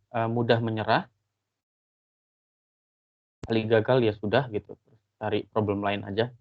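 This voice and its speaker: A male university lecturer giving a casual online lesson, explaining at length with frequent fillers. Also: medium pitch. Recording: tinny phone-like line.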